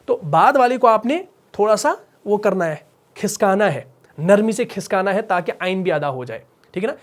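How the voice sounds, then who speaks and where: A man's voice: high voice, expressive. A man teaching a Quran recitation lesson, explaining step by step and asking and answering his own questions. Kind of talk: tajweed lesson.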